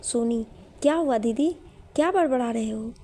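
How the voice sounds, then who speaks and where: Teenage little sister read by a woman, cheeky, quick, fairly high voice. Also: dark tone, natural voice. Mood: teasing.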